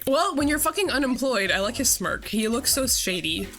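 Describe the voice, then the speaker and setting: Bright, blunt woman streaming a game. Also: on the high side, very animated, moderate pace, soft background music. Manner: blunt, swearing, offhand. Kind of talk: casual game stream commentary. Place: home streaming setup.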